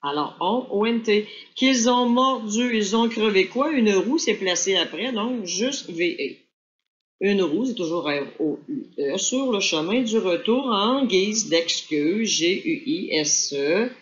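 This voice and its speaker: A woman teacher reads a dictation in a very slow, deliberate rhythm, pausing on each piece of the sentence. She spells words out letter by letter as she corrects. The recording is dull and lo-fi. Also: mid-range voice. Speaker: French teacher.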